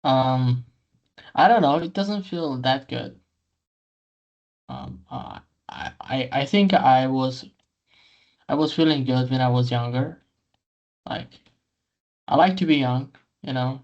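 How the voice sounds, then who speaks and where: A man in his early twenties joins a casual podcast chat, speaking at a mid pitch. He is slow and hesitant, thinking things through as he talks. The recording is dull and lo-fi. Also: big pitch swings, a little mellow. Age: 20s. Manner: thoughtful, hesitant. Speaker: podcast co-host. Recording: dull, muffled lo-fi audio.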